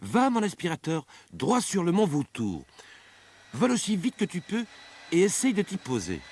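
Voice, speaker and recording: A man's voice: high-pitched, huge pitch swings, moderate pace, a little mellow, slightly rough, exaggerated voice. Man doing a bold, declaiming young hero. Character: brave young hero with flying vacuum.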